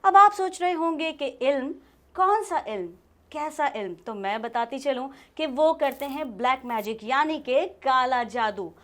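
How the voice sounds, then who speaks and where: A woman's voice: high-pitched, measured pace. A woman hosting a comedy talk show, introducing the guest politely and then teasing and questioning him. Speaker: host.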